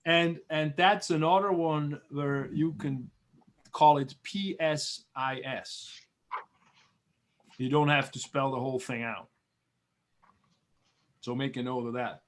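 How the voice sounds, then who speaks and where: A man from Switzerland, a biology teacher, runs a class review over a video call. His voice sits a little high for a man. He talks in a chatty, encouraging way and says terms slowly and more than once. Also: steady tone, slight background noise.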